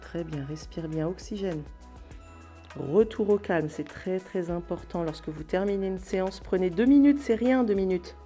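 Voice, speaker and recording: A woman's voice: fairly low pitch, warm tone, soft background music. A French woman coaching a cardio boxing workout, calling out moves in short punchy cues and sometimes winded as she trains along. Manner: brisk, punchy cues while exercising along. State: out of breath at times. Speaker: fitness coach. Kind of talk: workout instruction.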